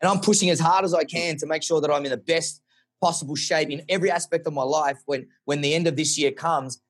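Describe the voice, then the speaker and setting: Excitable Australian man, husky voice. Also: on the high side, quick pace. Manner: excitable, swears, animated storytelling. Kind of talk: casual podcast conversation.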